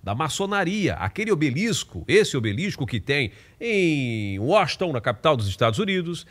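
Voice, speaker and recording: A man's voice: a little high, big pitch swings, normal speed. A man from Rio de Janeiro with a Carioca accent, delivering a fervent, informal preaching monologue full of emphatic repetition and restarts. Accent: Carioca Brazilian Portuguese. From Rio de Janeiro, Brazil. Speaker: evangelical preacher and channel host.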